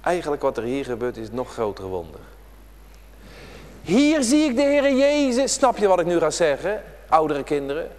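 A man's voice: a little high, huge pitch swings, normal speed, a little mellow, big-room sound. A man preaching an emphatic, repetitive prayer-day sermon to children in a church. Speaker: pastor.

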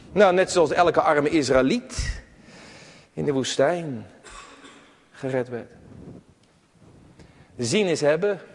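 A man preaching a sermon to his congregation, emphatic, rising to high cries and dropping to hushed tones. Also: husky, in a large hall. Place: church.

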